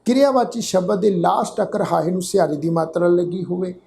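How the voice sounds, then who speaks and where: Male scripture pronunciation teacher, gravelly voice, spells out letters and marks and models each word slowly; faint noise behind. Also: sits high, dark tone. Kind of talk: slow line-by-line scripture pronunciation lesson.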